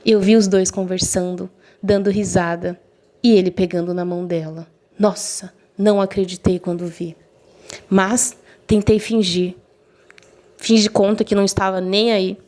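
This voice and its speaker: A young woman telling a personal story in the first person, emotional and expressive, briefly voicing the other people in it. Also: medium pitch, moderate pace. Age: young adult. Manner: emotional, voices quoted friends and mother lightly.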